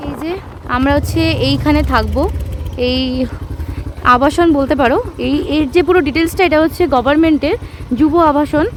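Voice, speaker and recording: A woman vlogger with a Bengali accent talking outdoors in front of hills, excitedly repeating herself as she points out the view. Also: sits high, moderate pace, long pauses. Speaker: travel vlogger. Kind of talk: outdoor scenic commentary. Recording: loud wind noise on the mic outdoors.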